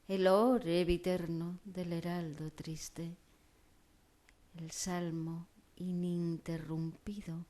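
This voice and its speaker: A woman with a slightly low voice declaims poetry in a grand, solemn manner. She moves extremely slowly, giving each phrase dramatic weight and leaving long pauses between them. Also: mellow. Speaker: poet reciting own poem.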